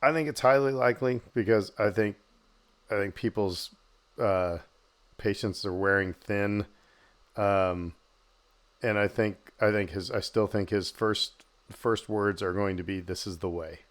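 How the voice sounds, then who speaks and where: A man co-hosting a podcast in casual chat, animated and speculative, talking in bursts. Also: on the low side, measured pace. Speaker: podcast co-host.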